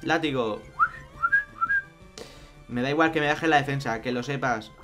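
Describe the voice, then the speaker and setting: A young man with a Spain Spanish accent commenting on his own gameplay, excitable, swinging from mumbled asides to loud outbursts. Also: medium pitch, unhurried. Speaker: let's play youtuber. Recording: faint music behind.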